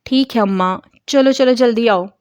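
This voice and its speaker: A woman reading a story aloud, voicing a playful young man who teases his family and later shouts in panic. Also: on the high side, normal speed, clear, resonant tone, no echo, clean studio sound, pitched above the performer's own voice, natural voice. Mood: urgent. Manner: teasing, then frantic shouting. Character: young man, joking, protective brother figure.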